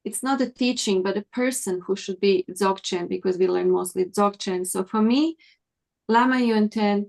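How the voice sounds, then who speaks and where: A woman's voice: medium pitch, gravelly, darkish tone. A woman hosting an online session, earnestly thanking her guests with restarts and fillers over a video call. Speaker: host. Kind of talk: reflective speech to an online group.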